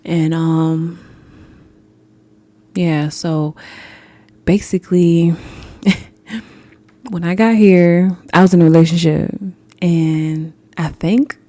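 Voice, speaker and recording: Young woman podcast host; casual, blunt, profane, laughs easily; warm low voice, dry recording. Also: steady tone, very slow, long pauses, no room sound. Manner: candid, swears freely, laughs often, addresses listeners as y'all.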